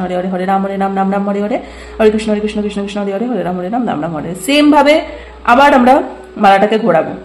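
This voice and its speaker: A woman host giving a casual chatty lesson on chanting with a prayer-bead string. She explains step by step, mixes in English words and keeps asking if things are clear. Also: on the high side, a little hiss or hum. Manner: chants the mantra softly and quickly. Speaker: spiritual teacher, channel host. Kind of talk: casual instructional talk on chanting. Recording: echoey room with faint ambience.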